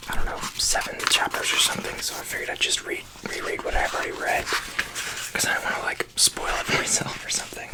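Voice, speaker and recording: A person whispering in a breathy, unvoiced ASMR style close to the microphone, chatting casually in a halting, self-conscious way. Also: low-quality recording. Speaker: ASMR video host.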